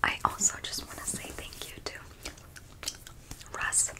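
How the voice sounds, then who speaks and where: Female ASMR creator for whispered role-play: breathy, unvoiced, intimate personal attention with tingly mouth sounds. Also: measured pace. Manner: soft, intimate, casual chat to the viewer.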